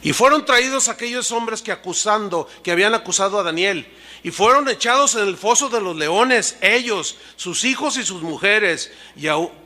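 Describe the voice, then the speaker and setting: A man pastor preaching a sermon, telling the story in an animated way and acting out the scenes. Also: sits high.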